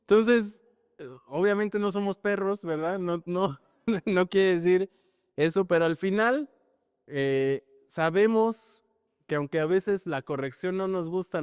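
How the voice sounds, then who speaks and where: A man's voice: high voice, smooth, dry recording, clean studio sound, in a large hall. A man preaching a sermon in a conversational, storytelling way, often tagging his sentences with questions. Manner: conversational, frequent tag questions, animated storytelling.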